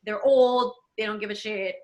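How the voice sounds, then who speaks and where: A woman from El Salvador talking casually with a friend on a podcast, animated and laughing often. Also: medium pitch, normal speed, muffled recording. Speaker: podcast co-host. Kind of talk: casual conversation.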